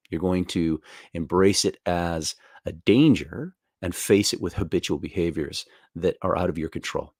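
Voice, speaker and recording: A man's voice: no echo, clean studio sound. A middle-aged man giving a motivational talk as a speaker, telling stories in a loose, chatty way with restarts. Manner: storytelling, acts out quoted voices with jumps in pitch. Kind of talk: conversational keynote talk.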